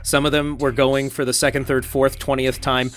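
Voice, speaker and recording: A man co-hosting a casual podcast, reading listener messages aloud in an upbeat, animated way. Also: mid-range voice, moderate pace, a little hiss or hum. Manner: upbeat, reads quotes aloud with animated emphasis.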